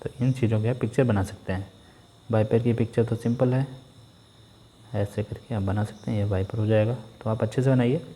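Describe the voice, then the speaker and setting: Man, teacher, Indian English accent, low mellow voice, unhurried lesson delivery. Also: fairly even intonation, husky. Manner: slow read-aloud English, quick Hindi explanations. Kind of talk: textbook lesson explanation.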